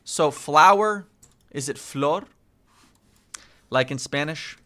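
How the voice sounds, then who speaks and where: A man with a bright, forceful, fairly high voice studies Polish out loud in a casual way. He is a native English speaker with an English-speaking accent in his Polish. He takes his time, repeating phrases and asking himself whether they are right. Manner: slow repetition of Polish phrases, checking himself with questions. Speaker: language learner streaming his study. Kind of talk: casual language study, thinking aloud.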